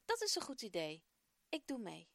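A woman's voice: on the high side, huge pitch swings, normal speed, gravelly, a bit bright, dry recording, heavily acted. A woman reading the part of an eager, imaginative young schoolboy who talks earnestly.

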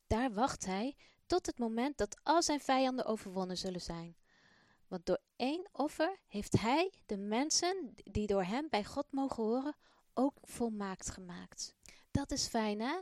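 A woman's voice: on the high side, no room sound, clean studio sound. Woman telling a children's Bible story. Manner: gentle, addresses children directly.

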